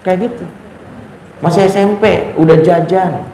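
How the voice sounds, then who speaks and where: A man's voice: sits high, a little slow. A male Islamic preacher gives a parenting talk, telling stories and acting out the dialogue in them. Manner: lively storytelling, acts out dialogue in quoted voices. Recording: echoey room with faint ambient noise.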